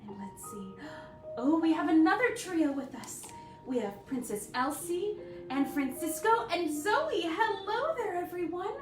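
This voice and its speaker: Playing a sweet, cheerful young princess, a woman hosts a live story-time and greets the children in a gushing, sing-song manner with little delighted gasps. Her very high voice swings widely in pitch, a little slow and heavily acted, warm and welcoming. She's far from the mic in an echoey room with faint music.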